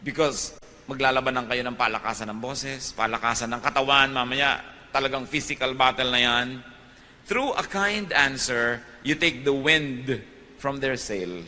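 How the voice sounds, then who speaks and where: A man's voice: mid-range voice, measured pace, bright, forceful tone. A middle-aged Filipino man preaching a sermon in a large theater, switching between Tagalog and English and rising to emphatic peaks. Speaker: pastor. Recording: long hall reverb, faint ambient noise.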